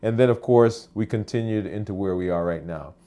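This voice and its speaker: Speaking in a fairly low, mellow voice at a fairly quick clip, this man is a doctor running a relaxed live stream from his office. He chats through viewer comments, using fillers and restarting his sentences.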